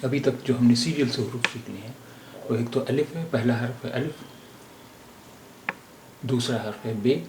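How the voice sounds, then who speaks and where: A man teaching a language lesson. He speaks slowly and says each word several times. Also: mid-range voice. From India. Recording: roomy echo, faint background noise.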